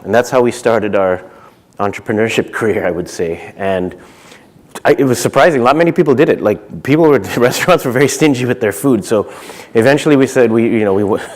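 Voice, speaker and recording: This conference speaker, a man in his thirties from Zimbabwe, talks on stage in a mid-range voice at a fairly quick clip. His casual delivery is full of fillers and restarts.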